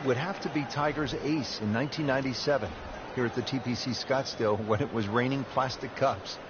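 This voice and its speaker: A man's voice: mid-range voice, fairly quick. A man working as lead golf commentator, calling the play in short, clipped phrases. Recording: dull audio, loud crowd and outdoor noise. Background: golf crowd and outdoor ambience.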